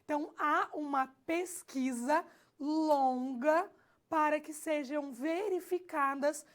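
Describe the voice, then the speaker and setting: Brazilian woman teacher, high voice, unhurried and explanatory. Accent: Brazilian Portuguese. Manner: slow, explanatory, repeats key phrases. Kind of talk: recorded online lecture.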